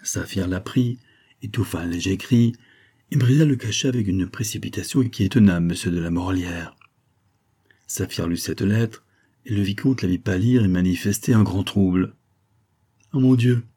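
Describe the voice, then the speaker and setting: Male narrator, audiobook, measured storytelling, low voice, husky. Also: mellow. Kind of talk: scripted narration.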